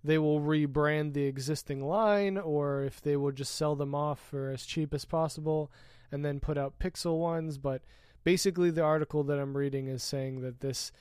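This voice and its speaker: A man co-hosting a casual tech podcast, opinionated, explaining at length and trailing off quietly at the ends of points. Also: fairly high pitch, steady tone, moderate pace, clear, resonant tone, dry recording, studio quality. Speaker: podcast co-host.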